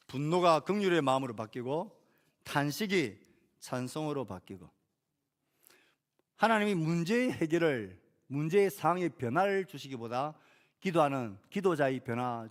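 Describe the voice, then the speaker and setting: Measured preaching man. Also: mid-range voice. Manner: measured, lifting emphasis on key phrases and falling softly at sentence ends; asks the congregation rhetorical questions. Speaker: pastor. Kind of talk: sermon.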